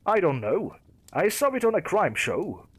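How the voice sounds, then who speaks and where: A man's voice: sits high, big pitch swings, measured pace, slightly rough, dry recording, voice pushed up, full character voice. A man voicing a blunt, teasing young woman on a diner date in a creepypasta narration.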